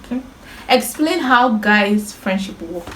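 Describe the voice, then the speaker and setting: A woman's voice: medium pitch, expressive, measured pace, a bit bright. Playful young Nigerian woman outdoors. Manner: playful, slips into pidgin. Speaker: co-host. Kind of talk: casual chat. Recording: roomy echo, faint noise.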